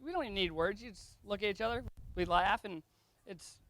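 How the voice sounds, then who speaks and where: A man's voice: sits high, brisk, fairly bright tone. A young man giving an emotional, rambling wedding toast to his brother, tearful and laughing between lines.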